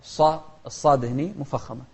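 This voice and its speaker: A man teaching Quran recitation rules. He gives brisk explanations and breaks them with slow, chanted examples. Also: medium pitch, gravelly, a little mellow, husky. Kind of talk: tajweed lesson with demonstrated recitation.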